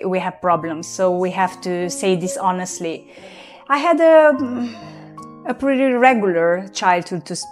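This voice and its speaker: A young woman from Transylvania with a Hungarian-Romanian accent, giving a personal testimony in English with many pauses and fillers. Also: mid-range voice. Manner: halting, many fillers and restarts. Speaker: guest.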